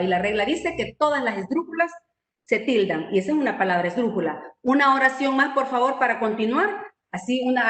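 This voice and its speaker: A woman's voice: on the high side, fairly bright tone, reverberant. A woman teaching a spelling and grammar lesson over a video call, explaining patiently and checking in with her class. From El Salvador. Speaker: writing and spelling instructor. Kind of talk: online training lesson.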